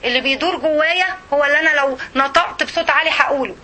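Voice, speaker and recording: A quick-talking woman with an Egyptian accent delivers a casual religious lesson to women. Her voice sits high and very bright, and she keeps checking in with her listeners as she preaches. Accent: Egyptian Arabic. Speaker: religious teacher.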